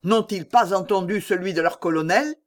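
A man's voice: high voice, normal speed, lightly acted. A man voicing a proud, besieged king with exalted rallying calls in an audiobook. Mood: bitter.

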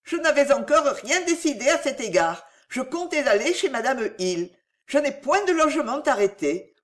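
A frightened young woman pleads in a raised, urgent voice that swings through a wide, lively range, as a woman reader puts her on. Her lines sound anxious and breathless with alarm, set in a read-aloud story. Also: sits high, moderate pace, voice pushed up. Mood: distressed.

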